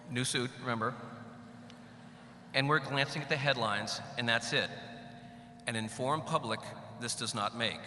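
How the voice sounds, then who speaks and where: A middle-aged man delivers a commencement address in a big hall, his voice ringing back with a long echo. His tone is very bright and forceful, cut with wry asides. A faint hum sits under the room. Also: mid-range voice. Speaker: commencement speaker. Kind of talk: graduation speech. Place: large hall.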